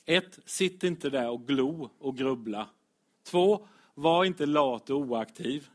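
A man preaching a lively, direct sermon as pastor to his congregation. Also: medium pitch. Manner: animated, direct, addresses congregation, chuckles.

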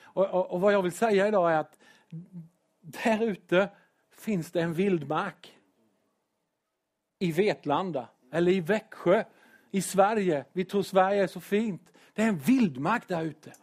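A man preaching a sermon in church as pastor, earnest and emotional, at times loud and joking at his own expense. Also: sits high, pauses often. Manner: earnest, emotional, sometimes loud with self-deprecating humor.

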